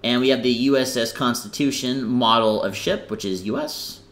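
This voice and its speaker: A man's voice: medium pitch, moderate pace, fairly bright tone. A young man giving casual, rambling commentary over a game he is playing, full of fillers and self-corrections. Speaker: gaming channel host.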